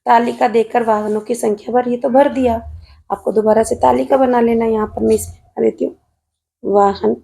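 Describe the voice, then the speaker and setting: Gravelly-voiced Rajasthani woman teacher, calm. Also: on the high side, moderate pace. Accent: Rajasthani Hindi. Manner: calm, patient, calls students "beta". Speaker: math teacher. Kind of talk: solving a model exam paper on video.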